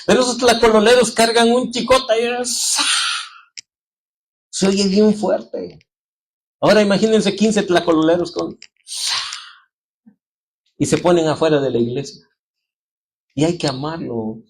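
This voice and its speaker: A man with a Mexican Spanish accent, preaching a sermon as pastor, telling lively stories and calling his listeners brothers and sisters. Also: fairly high pitch, slight background noise. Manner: animated storytelling, acting out quoted voices.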